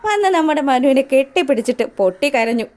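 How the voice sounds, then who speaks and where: Woman, high voice, chatty animated recap narration, casual storytelling. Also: fast talker.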